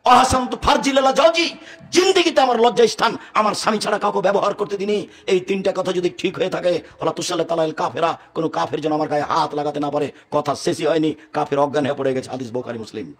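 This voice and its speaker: A man from Bangladesh preaching an emotional sermon, speaking hard and forcefully, with Arabic recitation and rhetorical questions to the crowd. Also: a little high, fast talker, hardly any pauses. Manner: forceful, hard-spoken delivery. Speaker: Islamic preacher.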